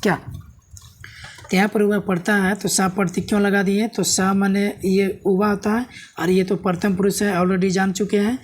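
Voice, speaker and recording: A man's voice: high-pitched, little pitch movement, moderate pace. Man teaching grammar, quizzing viewers. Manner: explains step by step, keeps asking "है ना?" and quizzing the viewer. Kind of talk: classroom-style video lesson.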